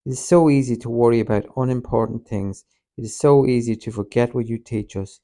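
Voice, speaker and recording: A man's voice: mid-range voice, fairly quick, natural voice. A man reading an audiobook, voicing Peter, a fiery and protective male disciple who snaps in anger. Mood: remorseful. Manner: forceful, angry, then remorseful.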